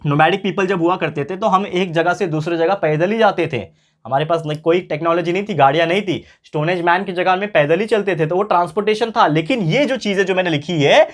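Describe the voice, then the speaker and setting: A male tutor from India giving a classroom lecture, repeating key phrases slowly and asking his students questions. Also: high voice. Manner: mixes English phrases into speech.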